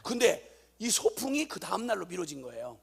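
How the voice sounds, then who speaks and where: Animated gravelly Korean-speaking preacher man. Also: high voice, brisk. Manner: animated storytelling, acting out voices, rising to shouts. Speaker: missionary preacher. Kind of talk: sermon testimony.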